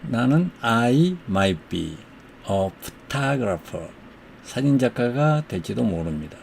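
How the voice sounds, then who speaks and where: A male English teacher speaks in a gravelly, unhurried voice at a middle pitch. He says each English example slowly and carefully and walks through the grammar step by step. A faint hiss sits under the recording. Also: sing-song, darkish tone. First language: Korean. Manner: slow, deliberate English examples, faster Korean explanation. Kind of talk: slow explanatory lesson.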